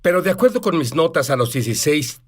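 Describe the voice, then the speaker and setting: A man's voice: on the high side, sing-song, fast. A man hosting an interview, asking probing questions from his notes. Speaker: talk show host.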